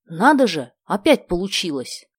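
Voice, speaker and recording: A gentle, thoughtful schoolgirl, read by a woman narrator in an audiobook. She speaks softly and earnestly in a raised voice, recorded dry. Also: fairly low pitch, big pitch swings, normal speed, slightly rough, dry recording.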